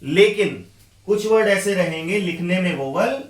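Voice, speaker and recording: A man with an Indian accent explains grammar rules patiently and goes over each point more than once. His voice sits fairly high. He is recorded from a distance in an echoey room. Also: unhurried. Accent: Indian English. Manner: patient, repeats points, addresses students as beta. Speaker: English teacher. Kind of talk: classroom explanation.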